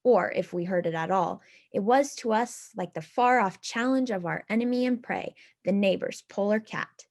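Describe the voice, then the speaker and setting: A woman reading literary prose as a storyteller, with deliberate, dramatic phrasing. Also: medium pitch, a little mellow. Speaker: reader in a church readers theatre.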